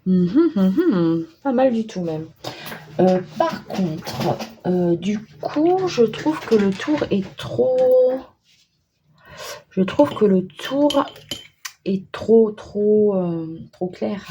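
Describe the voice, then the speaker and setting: A woman's voice: medium pitch, lively intonation, extremely slow, dark tone, slight background noise. A woman chatting casually as she works on an art journal page, thinking aloud with hesitations and small self-mocking remarks. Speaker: craft vlogger. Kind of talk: casual crafting commentary.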